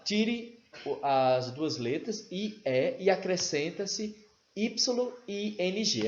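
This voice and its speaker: A man teaches English grammar in a patient, repetitive way, spelling out letters one by one. His voice sits a little high. The recording is roomy and dull, with a faint hiss behind it. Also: darkish tone. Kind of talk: grammar lesson.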